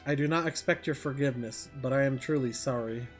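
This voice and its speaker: A man's voice: medium pitch, fairly quick, soft background music, close to an everyday voice. Man playing a solemn, remorseful old mage. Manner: grave, formal archaic confession. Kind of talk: reading game dialogue aloud in character.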